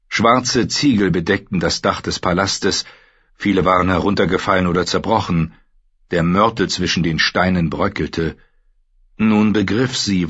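A man reading a fantasy story aloud in a steady, even storytelling manner. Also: low voice, husky, no echo, highs cut off. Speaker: audiobook narrator. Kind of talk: scripted fantasy narration.

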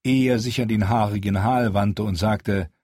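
A man narrating an audiobook in measured storytelling. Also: fairly low pitch, fairly even intonation, darkish tone, slightly rough, no room sound, clean studio sound. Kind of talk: scripted narration.

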